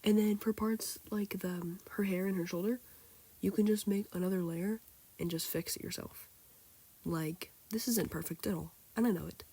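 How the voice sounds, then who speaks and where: A sick teenage girl with a hoarse, childlike-sounding voice, rambling casually through a drawing tutorial with lots of fillers. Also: mid-range voice, steady tone, normal speed, mellow. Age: teens. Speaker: tutorial maker. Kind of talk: casual screen-recorded tutorial.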